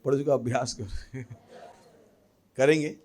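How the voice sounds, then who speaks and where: A male pastor preaching a sermon, lively with humorous asides and questions thrown to the congregation. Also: mid-range voice, measured pace. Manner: animated preaching with humorous asides and acted voices.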